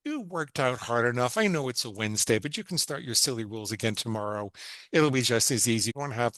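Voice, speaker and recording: A man's voice: medium pitch, lively intonation, fast talker, no room sound, natural voice. A man voicing his coaxing inner pig. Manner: coaxing, soft-selling. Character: wheedling inner craving voice, a male "pig" tempter.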